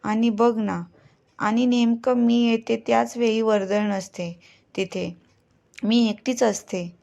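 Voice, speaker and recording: A woman's voice: on the high side, steady tone, slow, gravelly, darkish tone. A woman voicing a young woman in a storybook reading, anxious and confiding in a friend. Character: young woman, frightened and uneasy.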